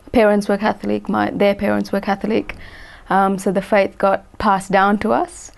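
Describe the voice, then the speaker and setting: A woman in her forties with a gravelly edge to her voice, answering interview questions. She speaks thoughtfully and pauses often with ums, reworking her sentences as she goes. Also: mid-range voice, completely flat delivery. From Sri Lanka. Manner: thoughtful, many ums and restarts. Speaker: guest. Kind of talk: interview conversation.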